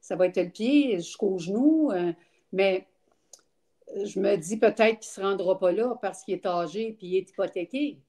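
Her voice is medium-pitched and mellow, moving at a moderate pace, as this older woman with a Quebec French accent speaks openly and casually in an interview. She uses many fillers, and the video call is captured on a laptop webcam in a room at home.

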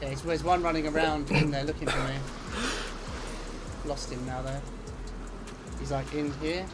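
A man's voice: on the high side, flat delivery, moderate pace. A man narrating video game play and chatting casually with his squad in a laid-back, colloquial way. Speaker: gaming video creator and player. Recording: loud music and game sounds behind.

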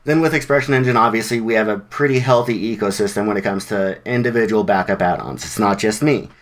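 A man's voice: fairly low pitch, fast talker. A man giving a casual, conversational presentation to a developer meetup, with informal slang and frequent restarts. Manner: conversational, with many fillers and restarts.

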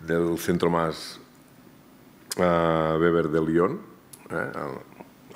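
At a seminar table in a university room, an academic man with a Catalan accent and a very low voice lectures loosely, often pausing to repeat a word or restart a phrase. He's picked up by a table microphone, with the camera placed far away.

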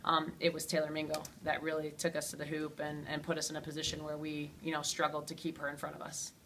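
Woman, low pitch, flat intonation, head coach, postgame interview, faint noise. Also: quick pace. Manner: steady, many ums and you-knows.

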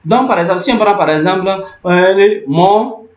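A man's voice: high-pitched, animated, normal speed. Man teaching with echoey lo-fi sound. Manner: repeats phrases, many fillers, muttering asides. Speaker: language teacher. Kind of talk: explaining on-screen lesson. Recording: echoey room, dull lo-fi sound.

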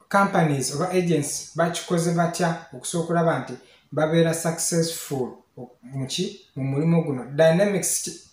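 In an echoey little office with hard walls, a thirtysomething property consultant with a Ugandan accent offers casual, explanatory advice in a mix of two languages. He regularly pauses to ask short questions, and his voice is on the high side.

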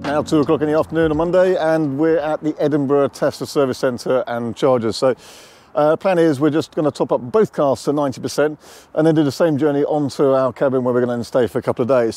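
A man with a mellow, mid-range voice talks casually and matter-of-factly to camera as a car vlogger. He's mostly outdoors in car parks and by the roadside, recorded on a lavalier lapel mic with a furry windshield.

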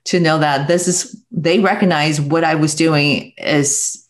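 A middle-aged woman from Taiwan, a guest speaking earnestly and reflectively with soft laughs, heard over earbud mic on a video call from a home room. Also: sits low, steady tone, measured pace. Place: home room with bookshelves, indoors. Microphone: wired earbuds headset on video call.

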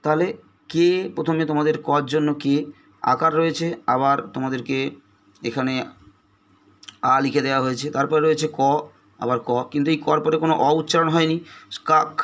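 A man's voice: a little high, fairly even intonation, a little fast, a bit bright. A man teaching an exam-prep lesson, patiently breaking words into single sounds, with a West Bengal Bengali accent.

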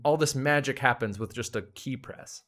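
A man's voice: mid-range voice, normal speed, a bit bright. A man co-hosting a casual podcast conversation, thinking aloud with fillers and restarts. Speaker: podcast co-host.

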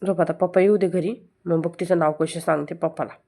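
A woman with a Marathi accent talking to her small children at home, coaxing them to sleep with playful scolding and soft repeated words. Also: fairly low pitch, steady tone, fairly quick. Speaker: mother filming her children. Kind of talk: casual home vlog, talking to babies.

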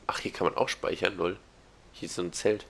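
Low-voiced german gamer dude, bright crisp tone, chill, talking about stuff he finds in the game. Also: steady tone, brisk, slight background noise. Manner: laid-back, narrates what he finds in the game. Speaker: let's play co-player. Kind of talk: casual gaming banter.

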